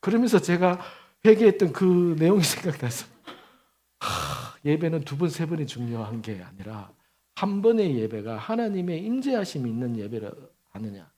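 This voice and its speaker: Fifties male pastor, fairly high voice, animated emphatic sermon delivery. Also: normal speed. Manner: storytelling with lively acted quotes and laughter.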